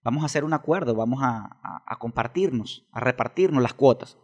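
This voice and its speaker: Emphatic Venezuelan man, mid-pitched. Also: fairly quick, a little mellow. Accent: Venezuelan Spanish. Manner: emphatic, fires rhetorical questions and answers them. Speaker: interview guest, political activist. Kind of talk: casual interview talk.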